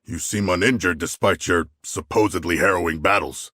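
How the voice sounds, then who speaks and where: A man voicing a hulking humanoid shark warrior for a video game, gravelly, with formal, grandiose, earnest delivery. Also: sits low, normal speed, bright, forceful tone, no echo, studio quality. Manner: formal, grandiose, stilted phrasing. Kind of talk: video game character dialogue.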